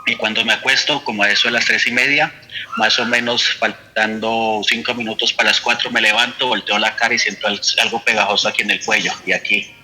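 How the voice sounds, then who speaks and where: A man's voice: lowish voice, flat delivery, brisk, sharp tone, slight background noise, low-quality recording. A man with a Colombian accent giving an earnest personal faith testimony, voicing his own past thoughts as he tells the story. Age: adult, with a son. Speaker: church member giving testimony.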